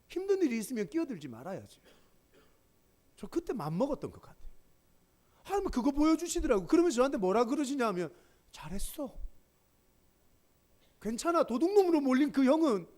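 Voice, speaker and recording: Middle-aged man preaching, high-pitched and very expressive, moving between excited storytelling and hushed confession. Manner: animated storytelling, dropping to soft emotional tones. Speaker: pastor. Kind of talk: sermon with personal stories.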